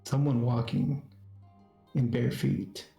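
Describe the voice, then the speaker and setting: Male dungeon master narrating, halting, gravelly fry, roomy sound w faint music. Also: medium pitch, steady tone, warm tone. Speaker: game master. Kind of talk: narrating a tabletop role-playing game.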